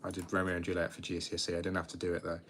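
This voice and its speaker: A twenty-year-old man with a British accent, hosting a chatty, low-key late-night livestream and rambling with frequent restarts. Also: completely flat delivery, very fast, fairly bright tone, a little hiss or hum. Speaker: livestream host.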